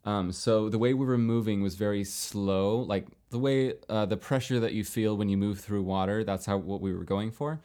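A young man telling a long story in casual chat, rambling with many fillers and restarts, lively when he quotes others. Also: fairly low pitch, normal speed, few pauses. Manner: animated when quoting others.

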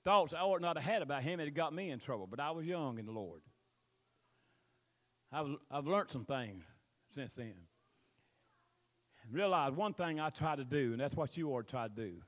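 Male country pastor, high-pitched, Southern US drawl, folksy rambling sermon delivery with drawn-out scripture. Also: animated. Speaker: pastor preaching to his congregation. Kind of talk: sermon, mixing scripture reading with plain exhortation.

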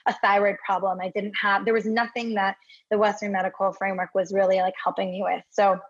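A woman's voice: mid-range voice, flat delivery, a little fast, slightly rough. A woman in her thirties from Hawaii, a guest in an interview, telling her story in a chatty way and often adding "right?" and "you know". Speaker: podcast guest. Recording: dull lo-fi audio.

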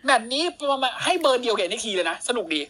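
A woman co-hosting a wrestling podcast, rattling off a match recap at a quick clip. Her voice sits a little high, and she is loose and profane, jumping into the wrestlers' lines as she tells the story. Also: expressive, a bit bright. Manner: fast, crude slang-filled storytelling, acting out wrestlers' lines. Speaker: podcast co-host. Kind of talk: casual wrestling recap chat.

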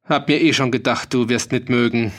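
A man's voice: mid-range voice, normal speed, a bit bright, natural voice. A man doing a grave, troubled peasant father. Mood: hesitant troubled. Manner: earnest, stern, troubled. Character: grave, worried peasant judge, father of a sick son.

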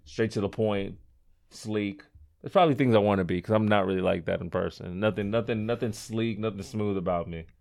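Male podcast host, fast and low, with a joking manner. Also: creaky, darkish tone. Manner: teasing, joking. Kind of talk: casual podcast interview.

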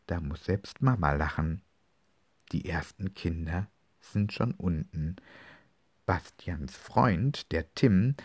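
A man gently reading a cozy children's Christmas story aloud in the first person. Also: low voice, dry recording. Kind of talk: storybook narration.

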